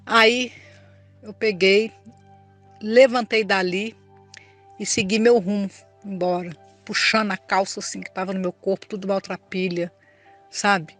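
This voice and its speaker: Older woman, heartfelt testimony voice, mid pitch, soft music under her. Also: steady tone, unhurried, pauses often. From Brazil. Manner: earnest, tearful storytelling, addresses listener as brother. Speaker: church member giving testimony. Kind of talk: emotional personal testimony.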